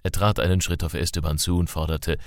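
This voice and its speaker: A man's voice: deep voice, flat delivery, brisk, no echo, studio quality. A man reading a thriller aloud with dramatic storytelling. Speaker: audiobook reader. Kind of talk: scripted fiction narration.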